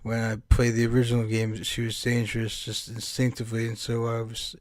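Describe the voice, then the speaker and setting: A man's voice: medium pitch, monotone, a little fast, no echo. A young American man reading a visual novel aloud with jokey, rambling asides. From United States. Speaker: let's player.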